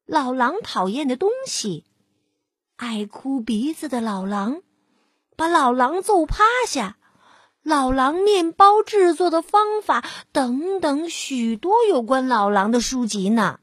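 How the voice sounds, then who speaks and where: A woman reading a picture book aloud to a child, with gentle, drawn-out storytelling and lively emphasis. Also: sits high, husky, no room sound, studio quality.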